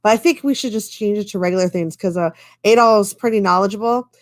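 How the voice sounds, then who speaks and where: A woman's voice: mid-range voice, fast talker, no echo, clean studio sound. A woman hosting a casual live-stream chat, rambling along with lots of fillers. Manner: chatty and rambling, with many fillers. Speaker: stream host.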